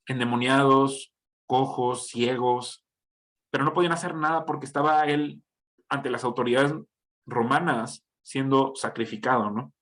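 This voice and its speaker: A man's voice: mid-range voice, fairly bright tone. Man giving a chatty Bible reflection. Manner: conversational, tags points with questioning asides, frequent self-corrections. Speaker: Bible teacher.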